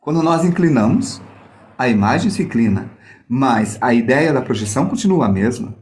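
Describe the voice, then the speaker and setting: Here a man of medium pitch talks at a moderate pace with an expressive, somewhat dark tone. Using a mirror, he leads a live online art lesson on drawing reflections step by step, teasing and joking with the people watching.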